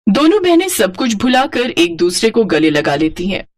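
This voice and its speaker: Woman narrator for a cartoon story, lively melodic delivery, dry close sound. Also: medium pitch, moderate pace, no echo. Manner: expressive, storytelling.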